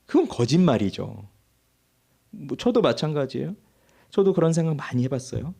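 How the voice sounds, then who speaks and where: A male pastor delivering a sermon, his pitch rising and falling in wide, lively swings. He leans hard into quoted cries and laments, pressing each point with emphasis. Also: normal speed, vocal fry, husky. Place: church.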